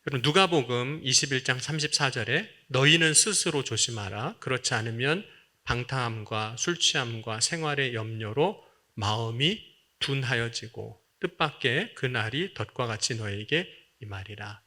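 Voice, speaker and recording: Guy pastor preaching friday night, bright voice, mid pitch, talks right to the people, leans into key words. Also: moderate pace. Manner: earnest preaching, often addresses the congregation directly, rising and falling emphasis. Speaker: senior pastor. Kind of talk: sermon at a Friday prayer meeting.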